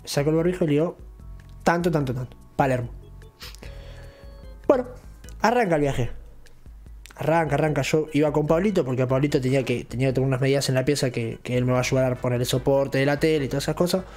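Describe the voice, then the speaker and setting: A man's voice: mid-range voice, racing, faint music behind. A young man with an Argentine accent, casually telling a long, rambling story and acting out what people said. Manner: rambling, animated retelling with acted quotes. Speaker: channel host.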